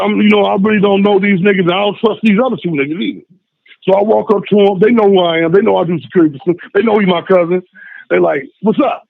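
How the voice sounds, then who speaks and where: Man, high voice, gravelly, casual phone-in storytelling, animated, tinny dry phone line. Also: no echo. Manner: animated, acts out voices in his stories. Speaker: phone-in guest.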